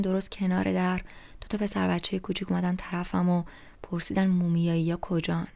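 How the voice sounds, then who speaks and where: A woman reading a first-person novel aloud as an audiobook, soft and often half-whispered. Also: mid-range voice, creaky. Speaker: audiobook narrator.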